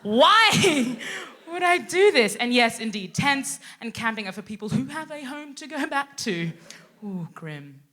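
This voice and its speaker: A young woman from Australia, telling stories on a live stage in an animated way, laughing often and asking "right?" along the way. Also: a little high, measured pace. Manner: animated, laughing, frequent tag questions. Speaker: guest speaker. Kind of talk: live stand-up storytelling. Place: theatre stage before an audience.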